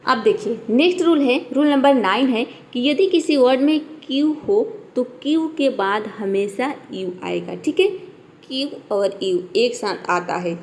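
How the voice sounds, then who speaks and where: A woman's voice: on the high side, lively intonation, unhurried. A young woman teaching English in Hindi with a Hindi accent. She explains patiently, often checks in and answers her own questions. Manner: patient, repeats "ठीक है" and asks herself questions. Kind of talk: classroom-style explanation.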